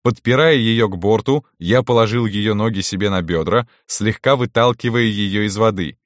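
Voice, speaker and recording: Man, low voice, calm intimate narration, dry close sound. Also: moderate pace, dry recording. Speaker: audiobook narrator. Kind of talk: first-person romance narration.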